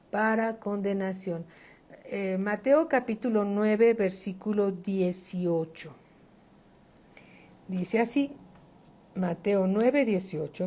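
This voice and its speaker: Slow-preaching older woman pastor. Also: medium pitch, a little mellow. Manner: slow, deliberate preaching with emphatic rises and frequent checks for agreement. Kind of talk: sermon.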